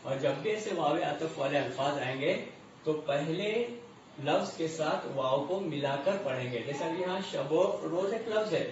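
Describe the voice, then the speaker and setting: A man with a fairly high voice teaching a grammar lesson. He goes over each term slowly and answers his own questions. The recording is muffled, echoey and distant, with faint room noise behind him.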